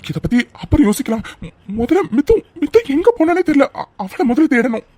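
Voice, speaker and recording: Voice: high-pitched, expressive, brisk. A voice actor playing a flustered young husband in a cartoon dub, pleading and confused. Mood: bewildered.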